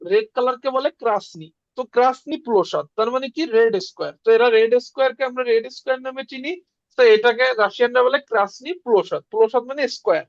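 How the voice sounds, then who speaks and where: A woman with a fairly high voice leads a beginner language lesson. She says each sound twice and asks quiz questions. The recording is dry and a little muffled. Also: no echo. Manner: drills sounds with repetition and quizzing questions. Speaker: language teacher.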